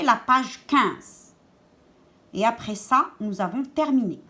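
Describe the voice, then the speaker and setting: A woman teaching young children, saying each word slowly and twice while giving step-by-step instructions. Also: high voice, a bit bright. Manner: slow, deliberate, repeats each word twice and stresses sounds. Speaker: schoolteacher. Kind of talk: remote lesson for young children.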